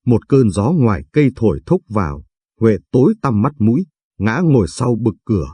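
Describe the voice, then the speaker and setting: A man reading literary short stories aloud in a slow, measured narration style. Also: medium pitch, sing-song, dark tone, husky, dry recording. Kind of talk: scripted story narration.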